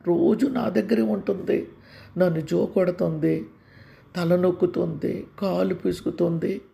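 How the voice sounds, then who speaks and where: A man voicing a frightened seven-year-old boy with a fever, high and pleading in a storybook reading. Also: fairly even intonation, measured pace, vocal fry, warm tone, exaggerated voice.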